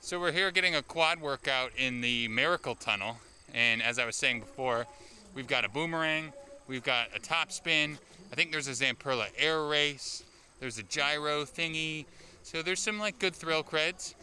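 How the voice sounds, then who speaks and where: A man with a somewhat high voice narrates his travel vlog at a moderate pace, joking and chatting as he wanders an amusement park. The outdoor recording carries loud park music behind his casual talk.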